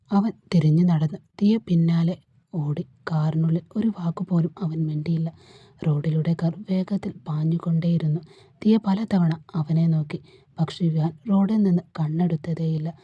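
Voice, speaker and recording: A woman narrating a romantic family story in a measured, dramatic storytelling manner. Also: low-pitched, breathy edge, no echo, muffled recording.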